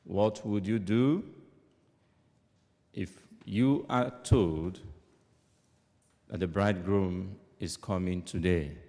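Slow, deep-voiced priest in cathedral echo. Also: male voice, dark tone. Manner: deliberate, measured. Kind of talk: solemn scripture reading and homily. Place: inside a large church. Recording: echoing church hall, long cathedral-like reverb.

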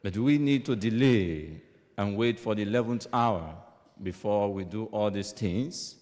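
A man speaking as a priest, reading scripture and preaching in a solemn, measured manner in an echoing church. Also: lowish voice, a little mellow. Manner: deliberate, measured. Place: inside a large church. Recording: echoing church hall, long cathedral-like reverb.

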